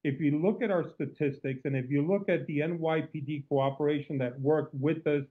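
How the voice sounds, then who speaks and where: This interview guest, a former undercover agent from Cuba, has a fairly high pitch, fairly even intonation and a moderate pace, plus a Cuban accent. Over a tinny phone-like connection, he tells stories in an outgoing manner, with frequent restarts.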